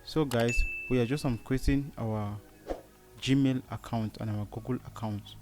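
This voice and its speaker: This step-by-step screen tutorial is narrated by its host, a man with a Cameroonian accent who asks short questions and answers them on his own. He speaks a little slowly at a medium, steady pitch with a darkish tone, and soft music plays behind him.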